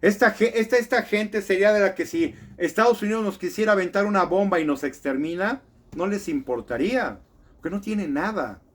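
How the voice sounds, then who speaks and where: Male commentator, indignant monologue, slightly higher voice, rhetorical questions. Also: animated, fairly quick. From Mexico. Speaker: political commentator.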